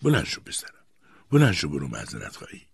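A man voicing a gentle, kindly old grandmother who speaks softly and coaxingly. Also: rumbling low, wildly swooping pitch, vocal fry, slightly rough, full character voice. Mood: tender. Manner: soft, coaxing.

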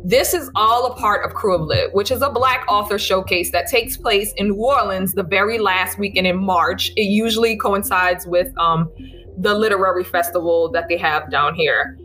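A woman's voice: mid-range voice, moderate pace, sharp tone, faint music behind. A woman hosting a podcast in a casual, chatty, self-deprecating and wry way, talking into her laptop's built-in microphone on a video call. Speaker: host and author.

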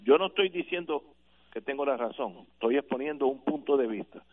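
A man's voice: medium pitch, lively intonation, a little fast, no room sound. An older Puerto Rican man holds forth on a radio talk show, emphatic and full of "eh" fillers as he builds his case. His voice is completely dry, with no room sound at all, and it comes through a thin, phone-like band. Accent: Puerto Rican Spanish. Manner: emphatic, argues point by point with many fillers. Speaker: radio panelist.

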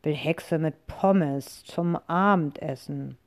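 A woman's voice: deep voice, slow, a little mellow. A woman voicing a greedy, boastful male dragon, cowardly at heart, with gloating speech while reading a rhyming picture book aloud.

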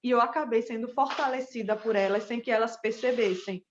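A woman's voice: fairly high pitch, fairly quick, dull audio, a little hiss or hum. A woman who teaches pole dance and runs a small business, telling her personal story earnestly and speaking straight to her listeners. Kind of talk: personal testimony.

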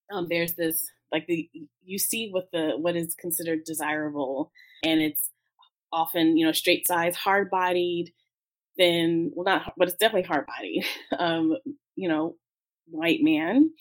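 A woman telling her story in an interview, talking through tears, halting with many fillers. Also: lowish voice, rough recording. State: tearful. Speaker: guest.

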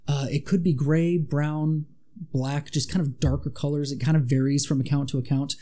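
A man's voice: on the high side, fairly even intonation, moderate pace, mellow. A man co-hosting a podcast, casually retelling a monster legend with dramatic asides. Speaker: podcast co-host. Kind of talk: casual storytelling chat.

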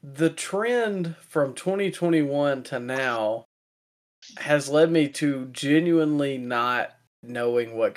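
A young man co-hosting a wrestling podcast in casual chat, relaxed and chatty, laughing now and then. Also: medium pitch. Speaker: podcast co-host.

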